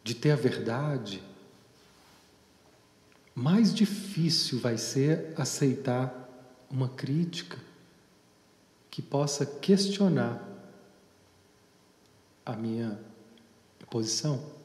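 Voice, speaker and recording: A man, a psychotherapist, giving an unhurried reflective talk with long pauses and storytelling asides. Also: mid-range voice, animated, a little mellow. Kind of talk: reflective talk on therapy and leadership. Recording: echoey hall with long reverb.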